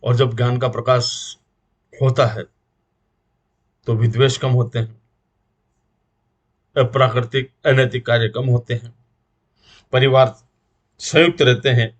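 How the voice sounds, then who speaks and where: A man's voice: medium pitch, fairly even intonation, a little slow, pauses often, muffled recording. Earnest preachy Rajasthani Hindi man. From India. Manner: preachy, moralizing, rhythmic lists. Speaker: guest speaker. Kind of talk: earnest public appeal.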